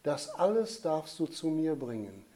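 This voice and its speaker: A man voicing a gentle, patient holy child in a storybook tale, speaking softly and calmly. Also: a little slow. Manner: soft, low, calm and explaining.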